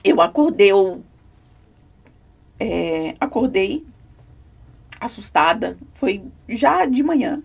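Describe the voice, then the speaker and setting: A woman with a gravelly, slightly husky voice. She tells her faith testimony as a podcast guest, earnest and emotional, speaking in a mid-range pitch. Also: big pitch swings, slow pace, long pauses, a little mellow. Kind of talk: personal testimony in conversation.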